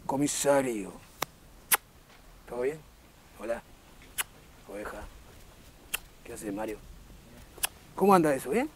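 A man's voice: mid-range voice, sing-song, slow pace, long pauses, background noise, voice pushed down. A man voicing a cheeky male puppet with a Rioplatense Argentine accent, greeting a crowd with crude, teasing banter.

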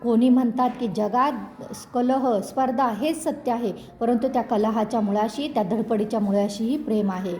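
High-voiced woman reading a story aloud. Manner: measured, expressive narration.

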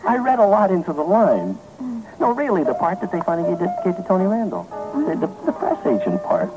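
A man's voice: high voice, huge pitch swings, a little fast, low-quality recording. A man hosting an old radio show, chatty and hesitant with many fillers, interviewing a guest. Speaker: radio host. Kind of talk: archival radio interview and chat. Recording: old archival radio tape with music behind.

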